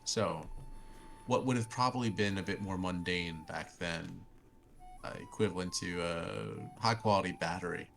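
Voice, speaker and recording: A very low-voiced man with a strongly creaky edge acts as game master. He improvises his narration haltingly, thinking aloud, in a bright, forceful tone. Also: faint music behind.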